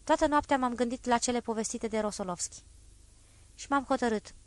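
O femeie dând glas unei soții hotărâte și disperate. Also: female voice, fairly high pitch, darkish tone, dry recording, close to an everyday voice. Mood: resolute. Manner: determined, urgent pleading. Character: young wife, resolute and desperate.

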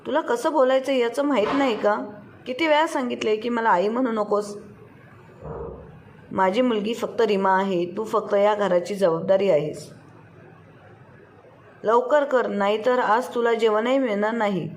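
A woman's voice: a little high, normal speed, natural voice. A woman voicing a cruel, harsh stepmother who scolds with scorn, in a storybook reading. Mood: scolding.

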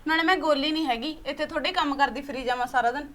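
Woman acting sharp-tongued punjabi wife, real high voice, fast back-talk. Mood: defiant. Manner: shrill, defiant back-talk. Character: defiant young wife, sharp and quarrelsome. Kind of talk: Punjabi web series acting.

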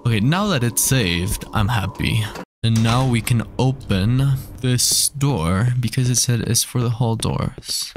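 A man's voice: mid-range voice, a little slow, background noise. Jumpy male horror game streamer, native Spanish speaker. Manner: nervous, jumpy horror-gamer reactions, thinking aloud; swears often. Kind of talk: let's play commentary, casual and unscripted. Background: game music.

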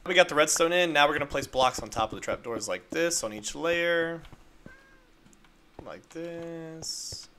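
A man's voice: on the high side, animated, measured pace, pushed and bright, slight background noise. A man casually narrating a game-building tutorial step by step, upbeat and playful with little sound effects. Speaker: Minecraft video creator.

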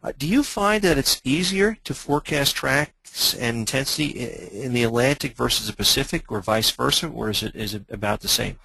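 A man's voice: medium pitch, lively intonation, moderate pace, vocal fry, few pauses, sharp tone, husky, dry recording, poor audio. A man hosting a webinar question session, friendly, often stumbling and repeating words. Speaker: webinar host.

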